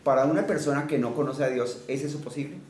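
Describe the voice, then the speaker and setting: A man's voice: medium pitch, fast talker, a crowd in the background. A man giving a teaching sermon who reads scripture aloud, quizzes his listeners and has them repeat lines after him. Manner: quizzes listeners and leads call-and-response repetition; reads scripture aloud, then explains it plainly. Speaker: preacher. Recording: roomy echo, voice from a distance, faint background noise.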